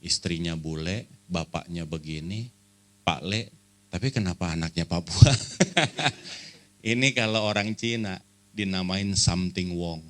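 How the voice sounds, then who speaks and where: A man's voice: deep voice, a little slow, fairly bright tone. A middle-aged man from Java, a pastor giving a church sermon in a joking, conversational way that rises to emphatic preaching. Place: church service.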